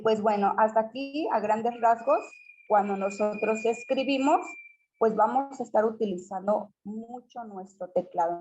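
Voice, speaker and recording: A woman's voice: mid-range voice, dark tone, muffled recording. A woman teacher walks students through a computer screen tutorial, patiently checking in with them as she goes.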